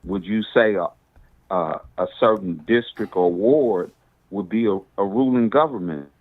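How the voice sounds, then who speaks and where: A bishop with a voice on the low side calls in over a cell phone on speakerphone, speaking unhurriedly. His casual phone talk rambles in a preacherly way and includes scripture quotes.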